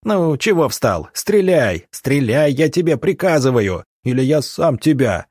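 A man's voice: medium pitch, big pitch swings, unhurried, a little mellow, husky, dry recording, studio quality, voice pushed up. A man voicing a wounded revolutionary ringleader in an audiobook, snarling and barking orders. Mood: furious.

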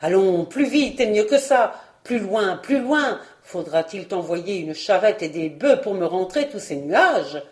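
A woman's voice: on the low side, sing-song, unhurried, hardly any pauses, roomy sound. A woman voicing a stern, commanding old fairy aunt who scolds and barks orders.

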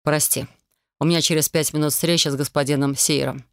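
A woman narrator lowers her voice into a male dragon in human form, calm and sure of himself. He speaks softly and coaxingly, with a teasing edge. The sound is dry and close to the mic. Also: fast, clean tone, dry recording. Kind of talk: audiobook character voice.

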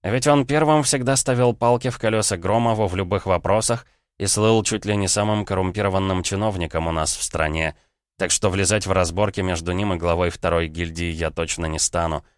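A male audiobook narrator with a smooth, resonant voice in a fairly low register. He reads first-person narration in an even, measured way. The sound is close and dry. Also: no echo.

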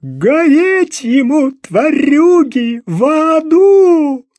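A man's voice: very high voice, sing-song, drawn-out words, dark tone, no echo, pitched above the performer's own voice, full character voice. A man doing a wailing grieving old mother. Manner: wailing, howling curses.

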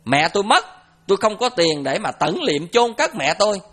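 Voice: medium pitch, sing-song, normal speed, fairly bright tone. Teacher doing a dutiful son owning up to an old theft, southern vietnamese accent, earnest. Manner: earnest, confessing.

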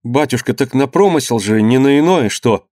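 A man's voice: expressive, normal speed, a little mellow, dry recording, clean studio sound, lightly acted. A man reading an audiobook, voicing a timid young son who pleads and makes excuses to his father. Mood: pleading. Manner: higher, pleading, deferential tone.

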